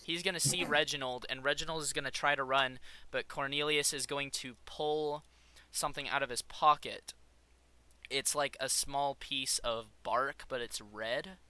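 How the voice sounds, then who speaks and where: A man's voice: medium pitch, steady tone, normal speed, bright, forceful tone, clear, resonant tone, no echo. A man running a tabletop game, narrating in a rambling way with frequent fillers and restarts. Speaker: game master.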